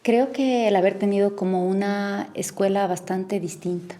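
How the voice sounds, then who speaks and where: A woman from Ecuador's Imbabura highlands, answering interview questions in a measured, reflective way with frequent pauses. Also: warm tone. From Ecuador, Imbabura province. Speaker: interview guest.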